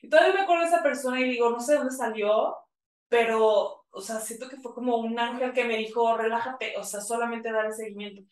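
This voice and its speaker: A woman's voice: on the high side, a little fast, far from the mic. Woman, personal storytelling, fillers, quoted dialogue, echoey room. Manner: emotional, filler-heavy retelling with many quoted lines. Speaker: guest telling her story. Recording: echoey room, a bit off-mic.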